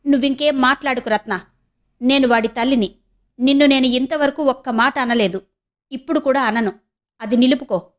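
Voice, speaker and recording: A woman voicing a stern, proud middle-aged mother who scolds her son with sharp questions. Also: high voice, normal speed, long pauses, natural voice. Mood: defiant.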